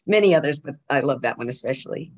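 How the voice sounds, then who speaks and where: A woman on a video call, talking hesitantly as a class participant with frequent pauses and fillers. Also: a bass voice, lively intonation. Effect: heard over a video call. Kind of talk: casual chat.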